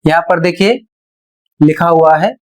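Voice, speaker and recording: A man's voice: a little high, fairly even intonation. A man teaching English pronunciation, explaining rules step by step and spelling each example word out letter by letter. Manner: deliberate, spells words letter by letter. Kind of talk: classroom-style explanation.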